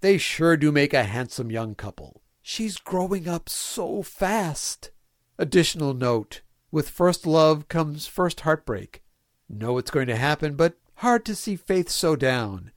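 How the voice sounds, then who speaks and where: A man's voice: fairly high pitch, expressive, takes it slowly, no echo, clean studio sound. A man voicing a folksy, fatherly villain mayor who dictates his diary in clipped, prim phrases for a comic reading. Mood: chipper, doting, then downcast. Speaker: reader of a fan fiction comedy podcast.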